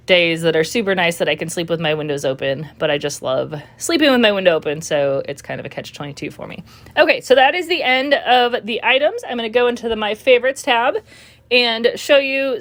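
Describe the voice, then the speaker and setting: A young woman with a medium-pitched, fairly bright voice vlogs her shopping in a casual screen-recording walkthrough. She chats along with plenty of fillers. A cold leaves her sounding a little congested.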